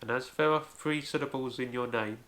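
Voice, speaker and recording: A man's voice: medium pitch, brisk, fairly bright tone. A man hosting a home-made language tutorial, explaining carefully step by step and often starting with "so". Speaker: language video host.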